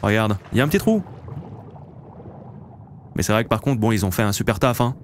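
A man's voice: on the low side, very animated, a little fast, slight background noise. A man in his late twenties, hosting a let's play and chatting casually to viewers while he plays. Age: late 20s. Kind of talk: casual gameplay commentary.

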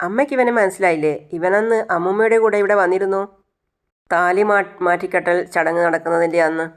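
A narrator doing a gentle young wife. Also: mid-range voice, fairly even intonation, a little fast, natural voice. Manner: gentle, soothing. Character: kind young wife caring for a child.

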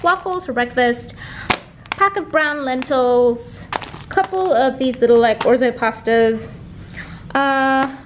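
A woman's voice: high-pitched, slight background noise. A young woman, chatting casually through a grocery haul at home, with lots of fillers. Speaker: vlogger. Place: home kitchen, indoors.

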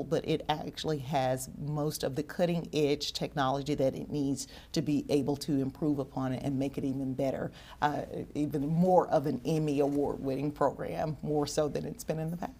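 Middle-aged woman, low voice, talks thru new school plans with ums, studio interview. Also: dark tone. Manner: measured, with fillers. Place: school TV studio with bookshelf set.

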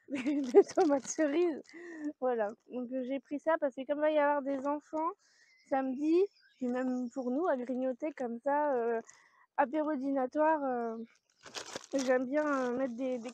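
A woman with a high yet dark-toned voice chats to the camera while showing off her grocery haul as a vlogger. She rambles, filling her talk with fillers and laughter. The recording is dry, with a dull lo-fi sound.

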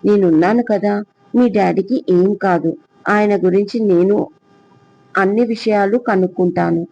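Soft-spoken young lover for a storybook, read by a man, raspy edge. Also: high voice, measured pace, lo-fi sound, exaggerated voice. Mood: tender. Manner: tender, reassuring. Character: young man in love, soothing.

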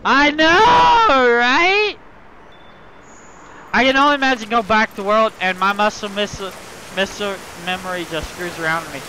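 A man streaming live gameplay who swears constantly and yells at the game as he plays. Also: high voice, lively intonation, unhurried, a little hiss or hum, poor audio.

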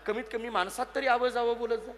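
A man voicing a gentle, wise male deity who speaks softly and patiently, within a sermon. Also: steady tone, fast talker, long reverb tail, slight background noise. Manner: soft, lower, patient.

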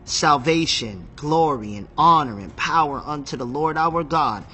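A man teaching scripture with a bright, forceful voice, pitched a little high. He talks slowly and emphatically and often repeats his words, with faint music behind him. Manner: excitable, emphatic, repeats phrases, reads scripture aloud. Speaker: Bible teacher. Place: seated in a chair.

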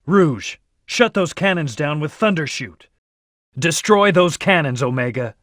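A man's voice: fairly high pitch, expressive, a little slow, fairly bright tone, no echo, studio quality. An actor playing a brooding, aloof hedgehog antihero in a video game, terse, serious and commanding as he leads his team. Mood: urgent, commanding. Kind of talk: English video game voice acting, short battle callouts.

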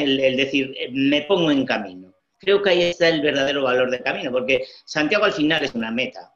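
A man's voice: mid-range voice, pushed and bright. A man in his sixties, a Spanish pilgrim and writer, speaking reflectively on a video call from home, often repeating words. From Spain. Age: 60s. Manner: thoughtful, repeats words, frequent "eh" and "¿no?". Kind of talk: reflective interview talk. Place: home room with glass cabinet. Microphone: webcam on video call. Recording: muffled video call audio.

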